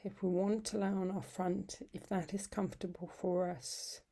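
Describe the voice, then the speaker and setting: A yoga nidra instructor guides a meditation in a soft, breathy, husky voice that's fairly low and level in tone. She's soothing and unhurried, leaving long pauses between short phrases.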